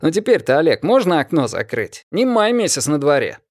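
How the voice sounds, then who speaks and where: A man's voice: fairly high pitch, sing-song, brisk, no echo, studio quality, pitched above the performer's own voice. A man voicing a cheeky, impatient young man who grumbles, in an audiobook. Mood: grumbling.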